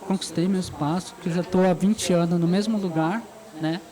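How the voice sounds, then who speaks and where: A guest caricaturist from São Paulo, Brazil, a man in his forties, is chatting in a casual interview at an outdoor street fair. His voice sits high with a steady tone at normal speed, and he is easygoing, laughing as he tells anecdotes. The low-quality recording picks up a busy crowd around him.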